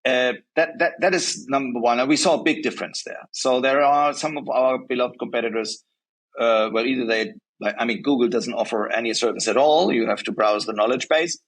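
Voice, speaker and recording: A man's voice: medium pitch, fairly quick, low-quality recording. Man explaining, tagging "right?" often. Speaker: guest, software company regional director. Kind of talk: casual interview talk.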